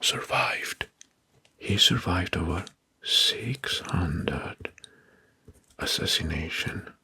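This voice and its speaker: A man with a low voice narrates history facts in a slow, breathy whisper for ASMR, mostly unvoiced. He speaks deliberately, softly repeating names and words.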